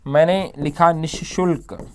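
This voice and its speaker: A man teaching a Hindi grammar lesson. He dictates example words slowly, asks the class questions and answers them himself, and urges viewers to repeat each word aloud with him. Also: a little high, fairly even intonation, slight background noise.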